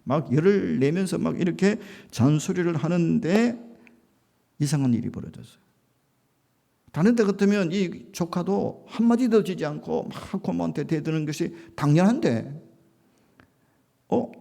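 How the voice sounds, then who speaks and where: Gravelly, animated Korean pastor preaching. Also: male voice, on the high side, a little slow, pauses often. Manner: storytelling with acted-out quotes and emphatic swells. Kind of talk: sermon.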